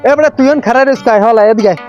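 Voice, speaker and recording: A man playing a fast-talking son-in-law home from abroad. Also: extremely high pitch, a little mellow. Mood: chatty. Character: son-in-law back from years abroad, eager and talkative. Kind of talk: comedic village drama acting. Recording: dull lo-fi audio, faint music.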